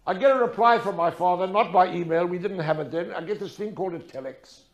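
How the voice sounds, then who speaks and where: Speaking fast in a high-pitched voice over lo-fi sound, an older man recounts a personal story to an audience lecture-style. He is dramatic and emphatic, repeating himself and posing rhetorical questions.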